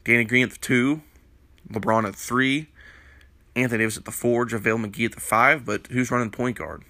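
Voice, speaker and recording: A man's voice: medium pitch, fairly even intonation, brisk, pushed and bright, no room sound. A man hosting a basketball news panel in casual commentary, with a congested morning voice from a sinus infection, rambling with many fillers. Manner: rambling, filler-heavy, opinionated.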